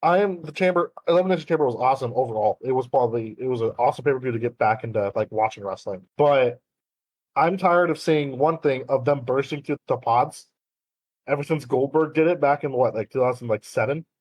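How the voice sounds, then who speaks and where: A man's voice: medium pitch, a little fast, dry recording, rough recording. A man co-hosting a podcast in casual chat, rambling with many fillers and restarts. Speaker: podcast co-host.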